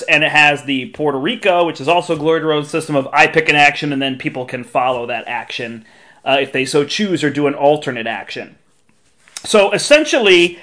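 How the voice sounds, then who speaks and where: A man with a somewhat high-pitched voice hosts a podcast about games. He talks in an informal, chatty way with a touch of the showman. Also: fairly bright tone. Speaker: podcast host. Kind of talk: board game podcast talk.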